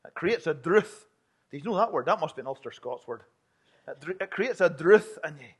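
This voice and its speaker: A male preacher with a Northern Irish accent gives a sermon in a notably high voice. His delivery is earnest and plain-spoken, turning now and then to rhetorical questions. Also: lively intonation, fast talker, fairly bright tone, breathy edge.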